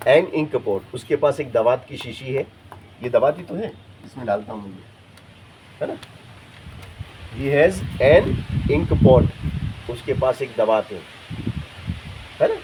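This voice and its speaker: A male teacher, speaking at mid pitch, leads a grammar lesson in a classroom. He talks slowly and patiently, repeating words and checking in with the students. The recording carries clear background noise. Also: lively intonation.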